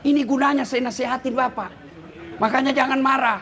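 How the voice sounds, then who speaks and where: Male preacher from Indonesia, very high voice, lively comic sermon style, faint noise behind. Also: a little fast. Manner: animated, joking, teasing the audience directly. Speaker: Islamic preacher. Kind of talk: humorous sermon to a congregation.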